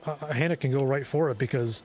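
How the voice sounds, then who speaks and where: A man at a tabletop game suggesting a plan haltingly, with many pauses. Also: mid-range voice, a little mellow. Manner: hesitant, halting, suggests plans. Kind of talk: casual game chat.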